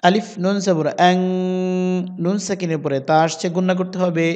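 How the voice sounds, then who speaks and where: High-voiced man teaching Quran reading, reverberant. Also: steady tone, a little mellow. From Bangladesh. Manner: spells letters and vowel marks aloud, then recites slowly with long drawn vowels. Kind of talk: spelled-out Quran reading lesson with tajweed.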